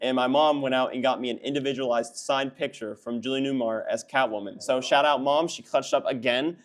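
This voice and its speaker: A teenage boy hosts his school's video show, speaking at a medium pitch and a little fast. He chats casually about school news, upbeat and playful as he hypes up his guests.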